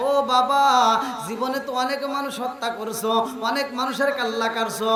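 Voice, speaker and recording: A man's voice: very high voice, steady tone, fairly quick, distant mic, a crowd in the background. A man voicing a grieving old mother who pleads with her son in a sung, wailing chant. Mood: pleading. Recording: echoey loudspeaker with music behind.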